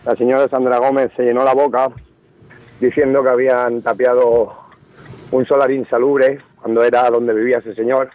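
A man's voice: mid-range voice, flat delivery, moderate pace, no echo. A man calling into a radio talk show over the phone, speaking with indignation and accusation. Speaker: radio caller. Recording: muffled dry phone line.

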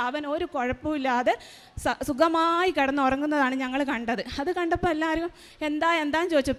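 A middle-aged woman giving a personal testimony as a mother at a shrine service, retelling events earnestly and haltingly, often restarting her words. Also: sits high, a bit bright. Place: large church hall. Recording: long hall reverb.

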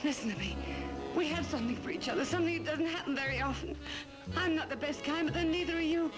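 A woman's voice: sits high, fast, music in the background, lightly acted, poor audio. A woman playing a pleading femme fatale. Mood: seductive. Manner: pleading, seductive. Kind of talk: 1950s TV crime drama acting.

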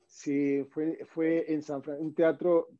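Man, Peruvian Spanish accent, high voice, mellow tone, lo-fi sound, animated storyteller. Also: slow pace. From Peru. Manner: animated storyteller, acts out quoted dialogue. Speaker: guest. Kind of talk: casual interview chat.

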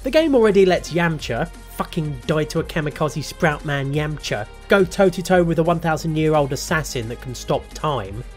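A sardonic man in his thirties presents scripted gaming commentary. His delivery is wry and animated, with wide swings in pitch. Faint music sits behind him. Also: normal speed, hardly any pauses. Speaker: host of a gaming commentary show.

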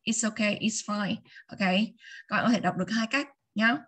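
A woman's voice: medium pitch, a bit bright, breathy edge. Woman teaching English on a video call. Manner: models words slowly and repeats them; keeps checking in with students. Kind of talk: online class teaching vocabulary.

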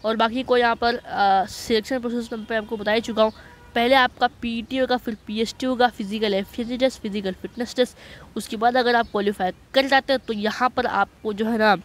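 A man walking viewers through a job notice in a voice-over on a screen recording. He talks in a chatty way, keeps checking that listeners follow, and reads English passages slowly. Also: extremely high pitch, steady tone, fairly bright tone. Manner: chatty, repeats "okay" to check understanding. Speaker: online job-notice explainer.

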